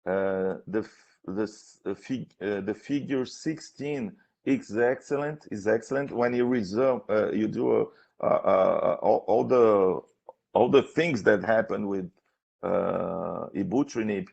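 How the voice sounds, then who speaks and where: Halting, creaky-voiced man, slow academic questioner. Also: lowish voice, a little mellow. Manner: halting, hesitant, repeats words while searching for phrasing. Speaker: thesis defense examiner. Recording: dull, lo-fi sound.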